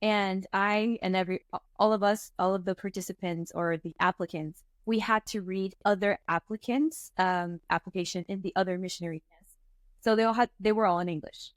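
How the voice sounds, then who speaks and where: Her voice is medium-pitched and a little fast, recorded close and dry with no echo. This guest, a startup co-founder from Venezuela in her twenties, chats and tells stories animatedly in a casual interview, dropping fillers such as "um" and "like."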